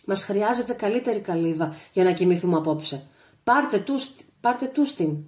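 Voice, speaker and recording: A fierce male captain barks orders in the middle of a firefight, as a woman reads him aloud. His voice sits well above the reader's usual low tone and rings loud and urgent, an audiobook commander driving his men forward. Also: lively intonation, natural voice. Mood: rallying shouts. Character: commanding male Greek army captain in battle.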